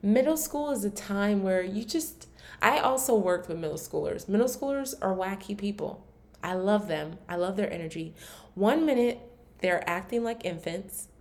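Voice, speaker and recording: On her solo podcast, a host from Maryland, USA, chats casually in a mid-range, animated voice at normal speed. She's candid and reflective, often restarting sentences and leaning on "like" as a filler.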